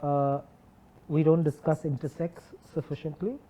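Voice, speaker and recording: A woman with a posh, educated Indian accent talking haltingly in a panel discussion, rephrasing as she goes. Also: low voice, little pitch movement, warm tone. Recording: slightly dull, muffled sound.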